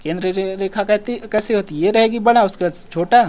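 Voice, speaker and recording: Casual, slightly high-voiced male teacher. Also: fairly quick, darkish tone. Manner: casual, repeats himself, asks and answers his own questions. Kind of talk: exam-prep lesson, solving questions.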